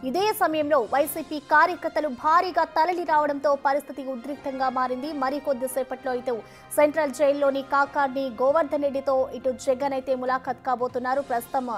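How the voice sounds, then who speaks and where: Female news anchor, high voice, presenting bulletin updates with faint music underneath. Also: flat delivery, a little fast. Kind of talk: news presenting, introducing a live report. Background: music bed.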